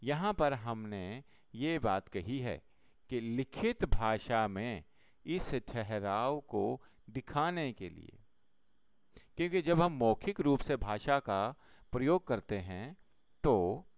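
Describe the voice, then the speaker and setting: Slow, expressive man teaching a lesson. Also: medium pitch, dry recording. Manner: slow, explaining step by step with pauses. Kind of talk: Hindi grammar lesson.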